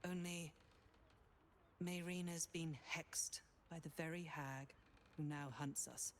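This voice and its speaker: A woman's voice: low voice, fairly even intonation, slow, slight background noise. A woman playing a pious, protective cleric in a fantasy video game, with an earnest, declamatory heroic delivery. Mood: solemn, earnest. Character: valiant, pious female cleric, protective and fervent.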